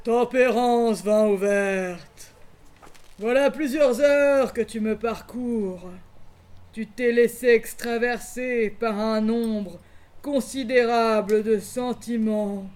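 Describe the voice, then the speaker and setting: A man voicing a cavernous archive of feelings that speaks in a solemn, drawn-out way in a radio play. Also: very high voice, steady tone, darkish tone, smooth.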